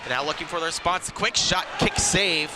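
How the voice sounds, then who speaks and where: A man's voice: fairly high pitch, normal speed, over a noisy crowd. A man giving live ice hockey commentary in clipped phrases that follow the play. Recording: noisy rink ambience around the mic.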